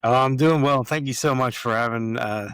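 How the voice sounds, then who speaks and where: A man from Jamaica, a yacht captain, talking as a guest in a relaxed, hesitant way with many fillers. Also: mid-range voice, moderate pace, smooth, no echo. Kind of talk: casual interview chat.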